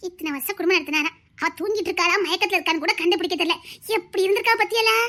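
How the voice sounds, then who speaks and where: A woman with a Tirunelveli Tamil accent acting in a comedy sketch, chattering fast and scheming. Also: very high voice, sharp tone. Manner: fast, chattering and scheming, often laughing as she talks.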